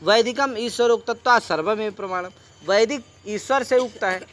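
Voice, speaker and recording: A man's voice: sits high, moderate pace, fairly bright tone. A man teaching a classroom lecture, mixing recited texts with explanation and constantly quizzing his students. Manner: quizzing students with repeated questions; mixes Sanskrit recitation with Hindi explanation. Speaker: Sanskrit teacher.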